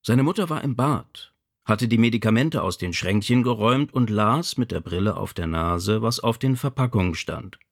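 Brief: male audiobook narrator, expressive and measured, gravelly edge. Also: lowish voice. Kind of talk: scripted narration.

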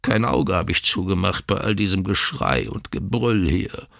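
A man's voice: low voice, lively intonation, normal speed, creaky, a bit bright, no echo, studio quality, full character voice. A man voicing a whining, querulous old man who has just been born, in a storybook reading. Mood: indignant.

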